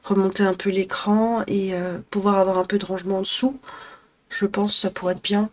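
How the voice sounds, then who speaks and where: A woman's voice: mid-range voice, level tone, brisk. A young woman from northern France chatting at home in a casual vlog, rambling and hesitant with many fillers. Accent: northern French. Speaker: vlogger. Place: apartment at home.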